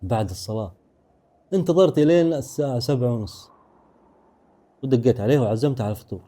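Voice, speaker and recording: Male storyteller, fast dramatic narration, dark mellow tone. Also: mid-range voice, expressive. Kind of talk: first-person horror story narration.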